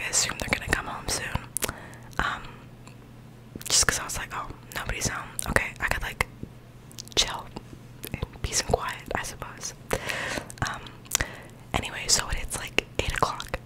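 A young woman tells everyday stories in an intimate, breath-only whisper. She rambles informally, right up close to the microphone, in a casual ASMR style. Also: rough recording. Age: young adult. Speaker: ASMR creator. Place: small bedroom, indoors. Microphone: large microphone with foam cover, very close.

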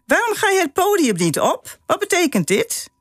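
Woman doing a worked-up disco owner guy, loud exclaiming, pitched way up, dry studio sound. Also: huge pitch swings, brisk, no room sound, exaggerated voice. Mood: indignant. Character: excitable male disco owner.

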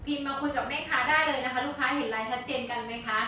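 A woman giving a live-stream sales pitch, repeatedly urging customers with polite sentence endings. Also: steady tone, very fast, bright, forceful tone. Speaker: live-stream shop seller. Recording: very echoey room, distant mic, faint noise.

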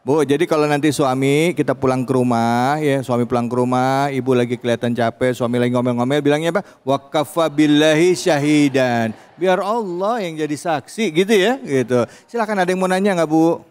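A man's voice: a little high, quick pace, hardly any pauses, darkish tone, clean tone, big-room sound. A man hosting a religious talk show, answering with eager affirmations and inviting questions from the audience. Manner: eager affirmations, joins in recitation. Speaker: host.

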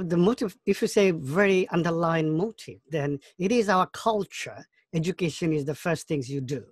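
A man's voice: fairly high pitch, dry recording. Bangladesh-born man in his fifties, dry close sound. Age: 50s. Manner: thoughtful, halting, restarts phrases. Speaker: interviewee. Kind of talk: oral history interview.

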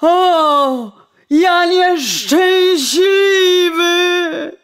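A wretched, unlucky carter, played by a woman reading a fairy tale, wails his laments in long, stretched-out cries. The voice rises high and swings widely. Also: sing-song, a bit bright, full character voice. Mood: wailing. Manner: drawn-out wailing laments.

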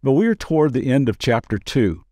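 A man's voice: medium pitch, sing-song, a little fast, a little mellow, dry recording, studio quality. A man pastor giving a daily devotional podcast talk in an earnest, conversational way, with playful asides.

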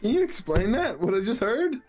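A man's voice: high-pitched, big pitch swings, a little fast, darkish tone. A man co-hosting a gaming stream, goofy and mock-indignant, joking in casual chat. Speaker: co-host streamer. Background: game music.

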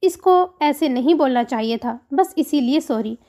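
Cheeky young woman prankster, playful mock-innocent tone, high voice, read by a woman. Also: moderate pace, warm tone. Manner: teasing and sweetly innocent-sounding.

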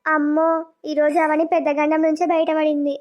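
Woman doing a sly scheming sister-in-law, squeaky high, dull lo-fi audio. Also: monotone, brisk, natural voice. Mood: plotting. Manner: muttering to herself, plotting.

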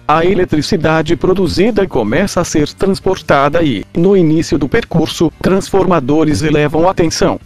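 A man doing a robot-voiced mad scientist. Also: on the high side. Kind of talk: comedic scripted explainer.

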